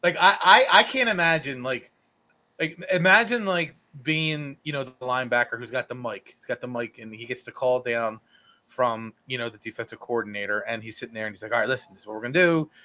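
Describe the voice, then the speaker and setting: A man's voice: medium pitch, fairly quick. A man co-hosting a casual sports podcast, talking animatedly and acting out players' lines with frequent restarts. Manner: animated, acts out players' lines, repeats words. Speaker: podcast co-host.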